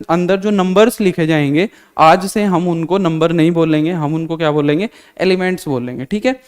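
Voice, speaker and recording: A man's voice: high voice, clear, resonant tone, big-room sound. A male maths teacher giving a live online lesson, drilling students with repeated questions and answers. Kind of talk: live online class lecture.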